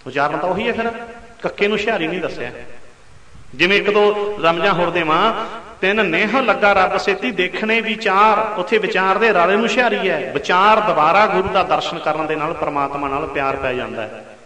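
A man preaching a Sikh katha sermon, his voice high and ringing. He draws out chanted scripture lines, then presses on with pointed rhetorical questions. The sound is bright and carries a long reverb, as in a large hall. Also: brisk.

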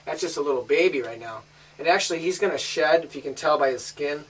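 Showing the family snake collection in a relaxed home video, a woman speaks fast in a low, breathy-edged voice. Upbeat, she coaxes the kids along on camera; the audio is distant with a light hiss.

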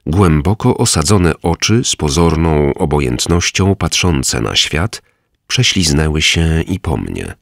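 A man narrating an audiobook in a measured, descriptive way. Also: very deep voice, very animated, vocal fry, no room sound, clean studio sound.

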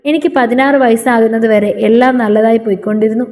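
Woman narrator, steady story reading, slightly high and mellow, long reverberant tail. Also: a little fast.

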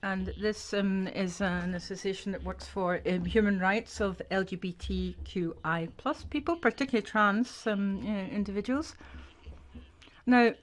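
Halting woman panelist from El Salvador. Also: mid-range voice, steady tone. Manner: halting, frequent um and uh. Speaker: panelist from an advocacy association. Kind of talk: panel remarks. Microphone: video call.

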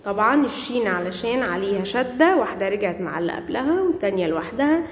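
Here a woman teaches grammar to primary schoolchildren, questioning and praising them in an Egyptian Arabic accent. Her mid-range voice is expressive and quick, echoing through a room with long reverb.

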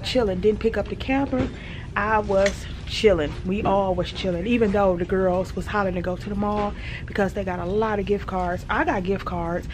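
A woman's voice: mid-range voice, noisy background. A woman chatting casually to her handheld camera as a family vlogger and mother, laid-back and slangy, laughing often. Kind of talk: casual vlog chat to camera. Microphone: handheld compact camera.

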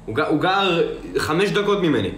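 A young man chats casually on a live stream, answering viewers' comments in a rambling way and repeating himself. His voice sits a little high. It is recorded on a phone in an echoey room with faint background noise. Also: very animated, a bit bright. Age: young adult.

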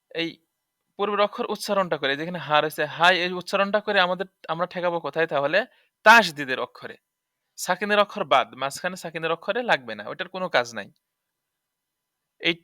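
Bright-voiced man teaching tajweed rules. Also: fairly high pitch, dry recording, studio quality. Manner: explanatory, repeats points and checks understanding. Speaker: Quran recitation teacher. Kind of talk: tajweed lesson explaining rules.

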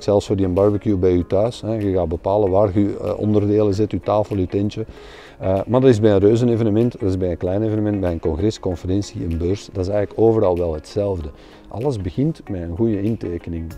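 A middle-aged man with a Flemish accent, hosting a documentary about event design in a relaxed, conversational manner. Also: lowish voice. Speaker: event designer, series host. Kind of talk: documentary interview and narration.

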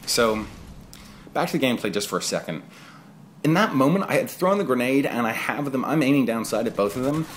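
A man in his thirties, raised in England, narrates his own gameplay for a video in a casual, wandering way full of chatty asides. His medium-pitched voice is expressive and brisk, with a slight amount of background noise.

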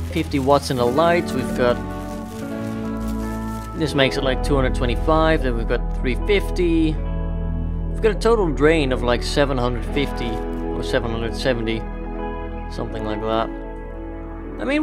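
A young man casually commentating his gameplay in a chatty, upbeat way, thinking aloud as he plays. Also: fairly high pitch. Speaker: let's play host. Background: background game music.

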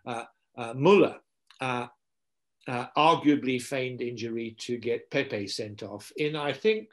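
Speaking unhurriedly in a mid-range voice, this older guest philosopher chats over a laptop microphone from his home study. It's a relaxed interview, and he's a lively storyteller who echoes his own words as he gathers his thoughts.

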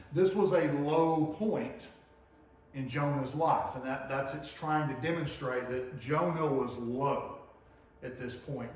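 Middle-aged guy preaching, chatty teaching style, a bit high voice, heard from far off in a big echoey church. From Tennessee, US. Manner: conversational teaching, frequent "okay?" and "right?" checks. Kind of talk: sermon. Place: church sanctuary with projector screen. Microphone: room mic from far camera.

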